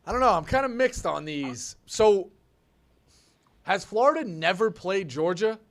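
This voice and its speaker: A man in his thirties hosting a sports talk show, animated and telling stories with acted-out quotes. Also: high voice, measured pace. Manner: animated, storytelling, acts out quotes. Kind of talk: casual sports radio chat.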